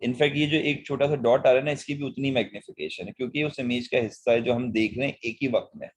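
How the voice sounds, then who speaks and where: A man's voice: mid-range voice, fast talker, breathy edge. A man teaching biology, patiently walking students through past-paper questions in mixed Hindi and English. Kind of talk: online past-paper lesson.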